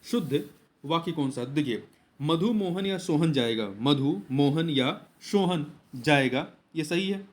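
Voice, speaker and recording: Man drilling Hindi test answers, slightly high. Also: expressive, measured pace. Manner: repeats key words and asks then answers his own questions. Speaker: exam coaching teacher. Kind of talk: explaining Hindi exam answers.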